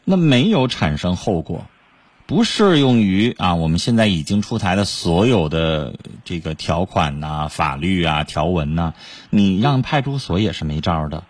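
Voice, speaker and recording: A man hosting a radio call-in show, reading out contact details and calmly giving callers advice. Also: sits low, moderate pace, dry recording. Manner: steady, instructive, gives advice.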